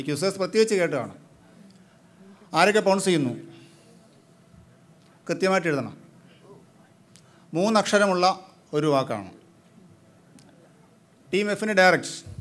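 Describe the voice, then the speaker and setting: A man hosting a live quiz as quizmaster, briskly prodding the teams and questioning their answers. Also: fairly high pitch.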